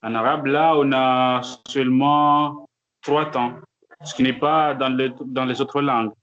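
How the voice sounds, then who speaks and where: A man's voice: medium pitch, steady tone, unhurried, a bit bright, highs cut off. A man answering in an online class, searching for words and hesitating as he explains. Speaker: student.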